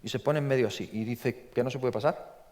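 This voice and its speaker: Animated preacher from in a big hall. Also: male voice, medium pitch, brisk. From Spain. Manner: animated, repeats words, acts out quotes in a story. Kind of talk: sermon. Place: large church. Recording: long reverb from a church hall.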